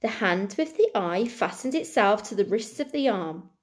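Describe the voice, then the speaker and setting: With the expressive style of a primary school teacher, a woman reads a children's storybook aloud. She leans on deliberate dramatic pauses and emphasis, her expressive voice at a medium pitch.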